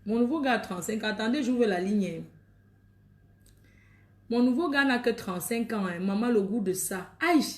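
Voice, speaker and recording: A woman's voice: fairly high pitch, expressive, normal speed, long pauses, echoey room. A woman hosting a live stream, chatting in a bawdy, laughing way with frequent exclamations. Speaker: live-stream host selling products. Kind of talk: raunchy casual live chat.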